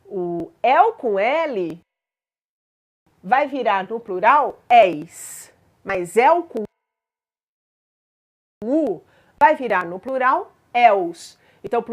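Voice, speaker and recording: A woman's voice: on the high side, lively intonation, extremely slow, pauses often. A woman teaching grammar in a patient explanatory lesson, spelling out examples and checking in with listeners.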